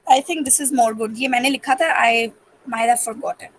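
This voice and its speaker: A woman teaching a reading-comprehension class, switching between English and Hindi and alternating slow dictation with rapid explanation. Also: a little high, fairly bright tone. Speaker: school teacher. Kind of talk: online reading-comprehension lesson.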